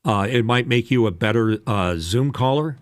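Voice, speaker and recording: Speaking at normal speed with a medium pitch, this late-sixties announcer and podcast host coaches on voice-over in a casual, candid, rambling way. The studio-quality recording has no echo.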